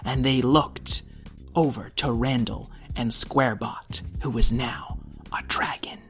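Slow-paced male children's storyteller. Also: mid-range voice, a bit bright, faint music behind. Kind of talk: scripted children's story narration.

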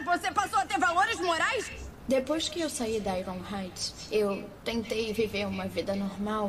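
A woman's voice: sits high, background noise. A woman dubbing a frantic, sarcastic young woman in film scenes, pleading and exasperated. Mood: reflective. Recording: film clip with music behind.

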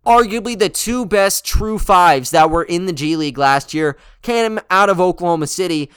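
A man's voice: high-pitched, normal speed, fairly bright tone, smooth, no echo. A man hosting a sports podcast, giving casual, conversational basketball commentary. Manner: conversational, informal.

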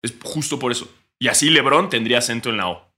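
This young Mexican-accented podcast co-host talks sports casually from home over a remote setup, full of crude humor and free-flowing swearing. He speaks at a quick pace in a medium-pitched voice that sounds pushed and bright.

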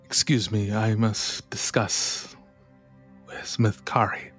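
A man's voice: fairly low pitch, level tone, takes it slowly, a bit bright, soft background music. A man voicing Harry, a nervous, polite male servant who stumbles over his words. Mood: flustered. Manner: hesitant, fumbling with fillers.

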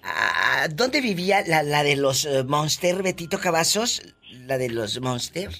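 Mexican woman, radio host, grandiose and theatrical, voice swooping all over, bright and brassy, soft music underneath. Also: big pitch swings, a little slow, vocal fry. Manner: grandiose, theatrical, swings to booming shouts. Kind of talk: comic call-in radio show.

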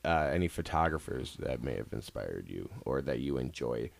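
A man's voice: rumbling low, lively intonation, normal speed, creaky, dry recording. A man hosting a casual interview, asking laid-back questions and chatting along with his guest.

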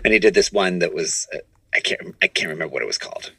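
This man, an improv comedian and producer, talks fast as a podcast guest in his home studio, rambling casually and repeatedly restarting sentences. His low voice is gravelly, husky, bright and forceful, with lively intonation. The recording is dry.

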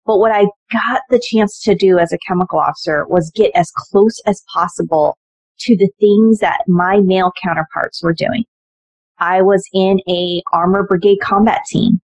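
A woman's voice: medium pitch, normal speed, breathy edge, no room sound. A woman in her forties, an Army officer, telling stories as an interview guest and acting out quoted dialogue. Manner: animated, acts out quoted dialogue with lively voices. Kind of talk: conversational interview storytelling.

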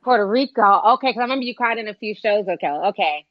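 A woman's voice: medium pitch, expressive, quick pace, no echo. A woman hosting a live call-in show in a casual, polite, conversational way. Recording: slightly dull, lo-fi sound.

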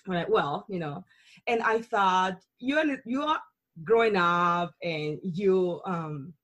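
A Colombian woman of about forty, a native Spanish speaker with a Colombian accent, is interviewed as a podcast host and talks about her life in a casual conversation. Her fairly low, slightly bright voice has lively intonation and a slow pace. Bubbly and chatty, she laughs often and frequently restarts her sentences.

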